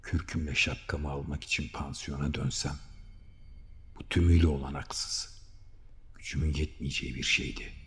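A man narrating a first-person story for an audiobook in a measured, dramatic way. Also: extremely low pitch, fairly even intonation, a bit bright. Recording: long hall reverb.

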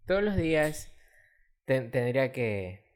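A man's voice: medium pitch, sing-song, takes it slowly. A young man co-hosting a casual podcast chat, teasing his friend with jokey asides. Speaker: podcast co-host.

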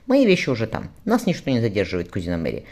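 Man voicing a scheming, smooth-talking priest. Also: on the low side, huge pitch swings, fast, full character voice. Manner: outwardly gentle, secretly contemptuous. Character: scheming cold-hearted priest in his thirties.

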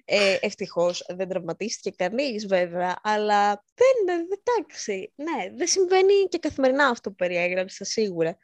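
A woman's voice: medium pitch, sing-song, few pauses, no room sound. Laughing young woman co-host, dry sound. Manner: laughs often, chimes in with reactions. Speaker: podcast co-host. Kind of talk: casual chat.

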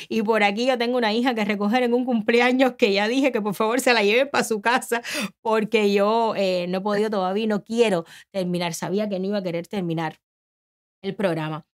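A woman in her thirties hosts an interview show. She speaks in a reflective, conversational way at a mid-range pitch. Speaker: host. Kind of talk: casual interview hosting.

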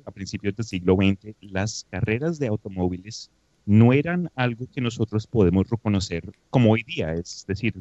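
A man's voice: medium pitch, no echo. A man co-hosting a podcast, his voice swinging up and down as he tells history in a casual, slangy way. The sound is dry and a little dull, with no room around it. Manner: lively, animated storytelling with slang. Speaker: podcast co-host. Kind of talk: casual podcast chat and storytelling.

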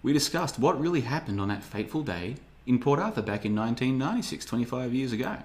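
With a mid-range, animated voice and a quick pace, a man in his thirties hosts a livestream podcast. His casual monologue rambles, and he sarcastically mocks others using put-on voices.

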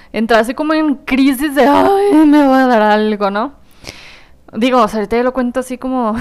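A young Mexican woman hosts her own podcast and tells a personal story in a candid, slangy, emotional way. Her voice is strikingly clear and smooth, and it sits a little high for a woman. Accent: Mexican Spanish. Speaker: podcast host.

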